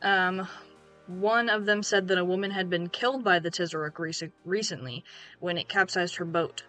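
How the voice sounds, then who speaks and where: A woman's voice: fairly low pitch, steady tone, moderate pace, fairly bright tone. A young woman hosting a video, reading from an article in a casual way, with ums and restarts. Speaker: YouTube host. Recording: faint background music.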